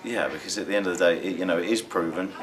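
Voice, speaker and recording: A man's voice: sits low, very fast, a crowd in the background. A young man in recovery from drug use, speaking earnestly and reflectively in a studio vox pop interview. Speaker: person in recovery. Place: indoor studio with dark backdrop.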